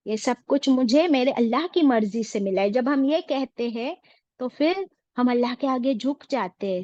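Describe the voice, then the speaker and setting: A woman's voice: sits high, darkish tone, no echo, highs cut off. A woman teaching an online religious class, asking her students questions and mixing in English phrases. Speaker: Quran teacher.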